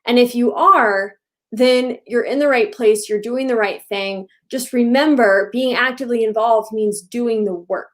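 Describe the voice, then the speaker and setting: A woman co-hosts a live-streamed coaching chat in a fairly high, slightly slow voice. She is upbeat and encouraging and fires off rhetorical questions.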